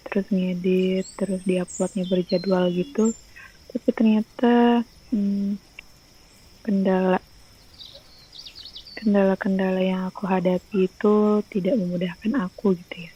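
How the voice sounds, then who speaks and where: A woman's voice: medium pitch, level tone, measured pace, long pauses, mellow, highs cut off, a little hiss or hum. A young woman, a teacher and YouTuber, chatting casually in a rambling vlog with lots of fillers, recorded on a phone. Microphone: phone rear camera.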